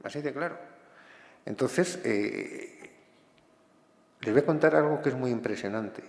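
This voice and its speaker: A man's voice: mid-range voice, unhurried, creaky, a little mellow. A man with a Spanish accent presenting his book in lecture style. He is impassioned and gets carried away, with many hesitations along the way. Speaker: book author. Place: large hall. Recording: echoey hall.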